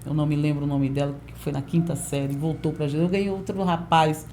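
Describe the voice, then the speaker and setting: A woman pastor in her forties, a podcast guest telling a lively testimony and acting out the voices of people in it. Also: low-pitched, quick pace, a little hiss or hum. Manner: lively storyteller who acts out quoted voices. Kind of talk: storytelling testimony in a podcast interview.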